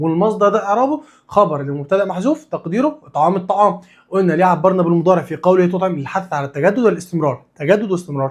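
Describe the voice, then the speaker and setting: Egyptian male teacher, high voice, rapid-fire quizzing delivery, joking asides to students. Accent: Egyptian Arabic. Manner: drills students with repeated questions and answers; casual, playful asides. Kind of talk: religious studies lesson.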